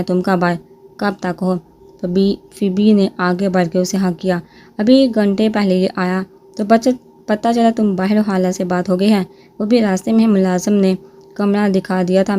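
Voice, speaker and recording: Woman reading a novel aloud, mellow. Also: a little hiss or hum. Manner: reads all characters' lines in her own voice with small lifts in pitch. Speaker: novel reader. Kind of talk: storybook narration of a romance novel.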